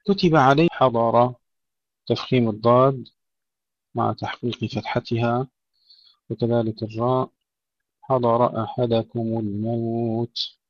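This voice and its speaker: A man teaching tajweed, reciting verses slowly and then explaining the rules plainly to his listeners. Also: mid-range voice, steady tone, dry recording. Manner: addresses listeners as brothers. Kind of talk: tajweed lesson with recited examples. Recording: dry, dull lo-fi recording.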